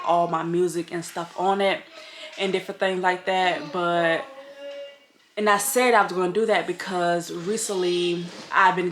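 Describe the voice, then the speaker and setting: A woman's voice: lowish voice, a bit bright, roomy sound, slight background noise. A woman vlogging casually at home, rambling with lots of "like" and calling her viewers y'all, her nose a bit stuffy. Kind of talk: casual chat to camera. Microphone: camera mic.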